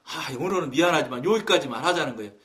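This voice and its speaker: A man's voice: on the high side, animated, racing, fairly bright tone, pitched below the performer's own voice. A man voicing a senior male pastor who speaks in a polite, formal, hesitant way.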